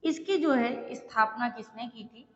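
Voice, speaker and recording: A woman teacher giving a slow, repetitive exam-prep lecture, pausing often to check that her students are following. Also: fairly high pitch, big-room sound, dull audio.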